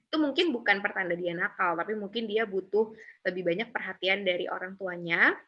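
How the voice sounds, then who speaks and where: Over a video call, a woman gives a casual webinar talk on raising young children, speaking a little fast in a mid-range voice. She's relaxed and conversational, uses lots of filler tags, and often acts out what parents say. The recording is muffled.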